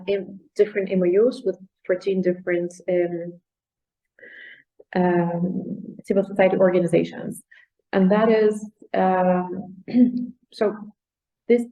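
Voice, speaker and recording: A woman's voice: medium pitch, mellow. A woman giving an informal webinar presentation, hesitant and often searching for words. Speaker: project presenter. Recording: dull lo-fi webinar audio.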